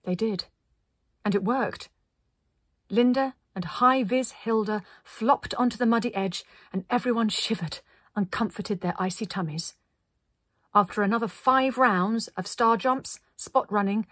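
Lady reading a kids' story, gentle and playful, dry close sound. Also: mid-range voice, slightly rough, no echo.

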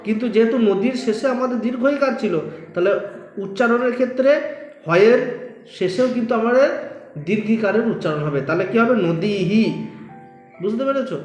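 A man's voice: very high voice, quick pace, a little mellow, faint music behind. A man with a West Bengal accent teaching a lesson, patiently repeating words and checking that his students follow. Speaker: Sanskrit teacher. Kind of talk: classroom-style lesson explanation. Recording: roomy echo.

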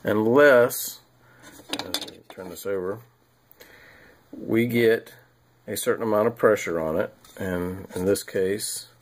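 Man calmly demonstrating a repair. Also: fairly low pitch, a little hiss or hum. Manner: unhurried, with frequent ums and restarts. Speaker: HVAC technician. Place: small home room.

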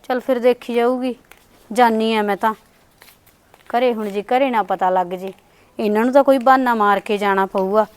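A woman's voice: on the high side, fairly even intonation, moderate pace, close to an everyday voice. A woman playing an anxious young married sister who hesitantly thinks aloud in a family short drama. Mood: pondering. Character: anxious young married sister wanting to visit her brother. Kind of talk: family short-video acting.

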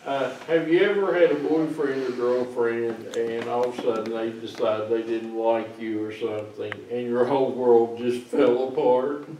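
An older pastor sits among the kids in a small church, delivering a teasing, folksy children's sermon. His warm, medium-pitched voice is fairly even and moderately paced with hardly any pauses, recorded from afar by a camera in roomy church acoustics with slight background noise.

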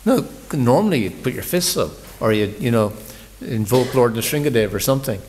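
A man's voice: mid-range voice, animated, normal speed. Man preaching in an echoing temple. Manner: warm storytelling, conversational, repeats words when he restarts. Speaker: visiting speaker giving a scripture class. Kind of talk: sermon. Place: large temple hall.

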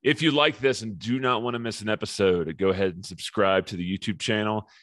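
A man hosting a podcast, reading a brisk, upbeat intro and asking his guest questions. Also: lowish voice, fairly even intonation, a bit bright, no echo, clean studio sound. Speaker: podcast host. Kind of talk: scripted intro and interview questions.

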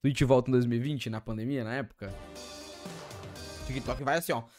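A young man with a Brazilian accent, streaming and reacting excitedly with lots of slang and exclamations. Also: medium pitch, a little fast, faint music behind. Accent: Brazilian Portuguese.

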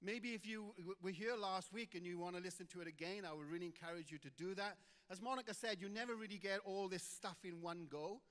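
A man's voice: sits high, quick pace, few pauses, fairly bright tone, long reverb tail. A man with a Welsh accent preaching a Sunday sermon as pastor, chatty and informal, with many fillers and restarts. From Wales. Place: church auditorium.

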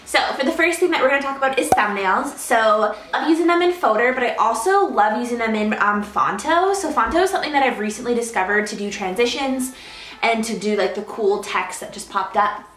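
A woman's voice: fairly high pitch, animated, a little fast, a bit bright. A bubbly young woman YouTuber giving a casual, chatty how-to talk to camera, with lots of ums and "super simple". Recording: echoey room.

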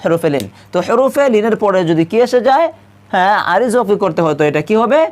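Woman teaching recitation, drawn-out chanted examples. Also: mid-range voice, expressive, a little mellow. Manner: asks and answers own questions, chants example phrases slowly. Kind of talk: explaining the correct call to prayer.

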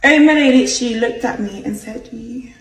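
Chatty young woman with a gravelly edge. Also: on the high side, a little fast. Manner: chatty, exasperated, many "like" fillers. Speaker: vlogger. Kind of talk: casual story time to camera. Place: bright room indoors. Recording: echoey room, slightly distant, faint hiss.

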